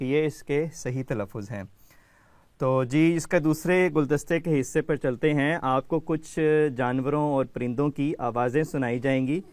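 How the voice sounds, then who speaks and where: A man's voice: medium pitch, smooth, no echo. A man hosting a children's education program, patiently calling on kids by name to answer quiz questions.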